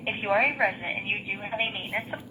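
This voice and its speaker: A woman's voice: medium pitch, bright, forceful tone, a little hiss or hum. Woman's answering machine greeting over phone. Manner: measured, formal phone menu delivery. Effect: recorded answering machine greeting heard over a phone line. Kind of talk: scripted phone menu recording.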